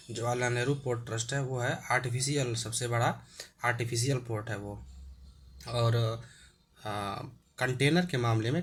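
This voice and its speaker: A man with a sore throat explains an exam-prep lesson, hesitating a lot and clearing his throat frequently. His voice is medium-pitched and a bit bright.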